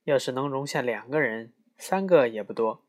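A man's voice: mid-range voice, normal speed, natural voice. A man doing a chattering pushy little bird. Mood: excited. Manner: excited and chattering.

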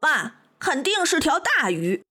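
Storybook otter, a grumpy male angler, smug and sly, with a high lively voice, as a woman puts him on; music playing behind. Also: normal speed, very noisy. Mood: startled. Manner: smug and scheming.

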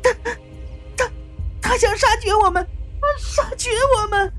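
A man's voice: very high-pitched, fairly quick, faint music behind, voice pushed up. A man voicing a hysterical, terrified young woman who stammers, sobs and shrieks.

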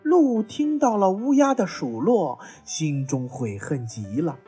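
Slow, lively woman storyteller. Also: low voice, husky, soft background music. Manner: expressive, lilting storytelling. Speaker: children's storyteller, teacher. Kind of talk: storybook narration for children.

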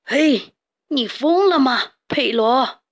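A woman voicing an old grandpa rooster who exclaims in confusion, barely changed from a gentle high storyteller voice. A puzzled elder in a kids' storybook. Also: normal speed, creaky, lo-fi sound, full character voice. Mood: baffled.

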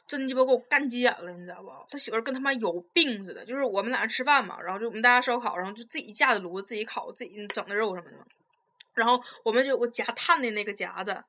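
Young woman, somewhat high, bright voice, blunt profane storyteller. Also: very fast. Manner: blunt, heavy swearing, animated storytelling. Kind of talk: casual chat.

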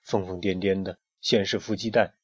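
A gossipy bird in a storybook, quick to gasp and exclaim, as a male storyteller puts it on. The recording is dry and muffled. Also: deep voice, steady tone, slightly rough, no room sound, voice pushed down. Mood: puzzled. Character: excitable bird, dramatic and quick to panic. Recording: dull lo-fi recording.

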